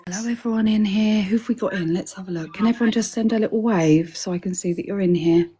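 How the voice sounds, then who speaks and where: Woman, husky, chatty live-stream co-host greeting viewers. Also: medium pitch, fast, warm tone. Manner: chatty, greets viewers by name, sometimes whispers. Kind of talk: casual live-stream chat.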